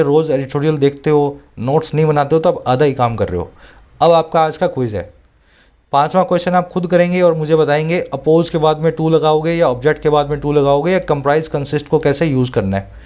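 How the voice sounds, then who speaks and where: An English tutor explains vocabulary and grammar to exam students in Hindi peppered with English terms, reading English text out slowly. He keeps asking rhetorical check-ins to see if they follow, in a fairly high-pitched, darkish voice.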